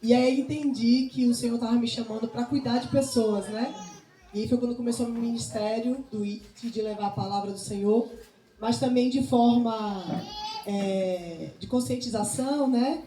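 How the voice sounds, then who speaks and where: A woman from Salvador, Bahia, with a Bahian Brazilian accent, gives an informal nutrition talk with religious touches to a women's group; she is also a missionary. Her mellow voice is on the high side and moves at a moderate pace, and she teaches didactically, checking in often with tag questions. The room is echoey, with faint noise.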